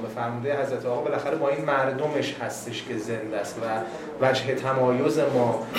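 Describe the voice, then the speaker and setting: Halting man hosting a formal meeting. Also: medium pitch. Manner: halting, repeats words. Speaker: meeting host. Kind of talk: formal introduction. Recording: echoey room, distant mic.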